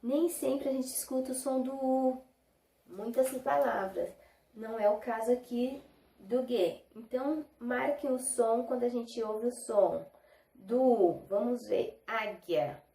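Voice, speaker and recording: A Brazilian woman teaching young children, stretching out each word slowly so they can hear every sound. Her voice sits fairly high but sounds mellow and soft, and the room around her echoes. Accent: Brazilian Portuguese. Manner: slow, drawn-out syllables when modelling words; patient, checks understanding with short questions. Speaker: primary school teacher. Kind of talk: recorded Portuguese lesson for young children.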